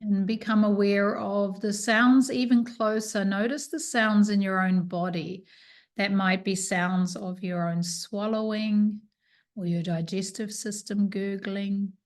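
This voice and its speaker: This is a female yoga nidra teacher guiding a relaxation practice. Her instructions are gentle and leisurely, broken up by pauses, delivered in a mid-range voice with fairly even intonation.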